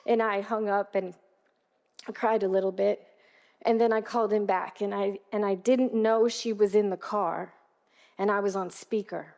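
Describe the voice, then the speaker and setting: A woman's voice: mid-range voice, steady tone, moderate pace, creaky. A woman in her forties from Pennsylvania, giving a guest talk at a gala and telling personal stories in a chatty way. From Pennsylvania, USA. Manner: warm, chatty storytelling with acted quotes. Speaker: guest speaker. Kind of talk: personal storytelling speech. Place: event hall. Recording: long reverb of a large hall.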